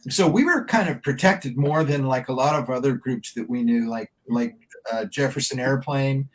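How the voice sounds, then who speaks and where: Over a low-quality recording, a man in his seventies who plays in a band tells a long story during a relaxed interview. His voice is mid-range and moderately paced, and he wanders chattily through the anecdote.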